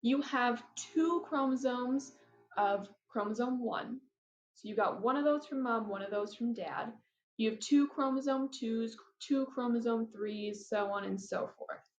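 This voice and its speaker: A woman teacher talking casually through lecture slides, with chatty, apologetic asides and a somewhat flat, robotic-sounding delivery. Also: on the high side, unhurried, a little hiss or hum. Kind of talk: recorded lecture over slides. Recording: roomy, dull lo-fi mic.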